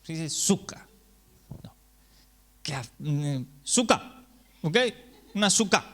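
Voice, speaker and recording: A man's voice: fairly high pitch, expressive, unhurried, pushed and bright. A man preaching to a congregation, explaining patiently and checking in with listeners through rhetorical questions. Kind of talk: sermon teaching. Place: congregation gathering.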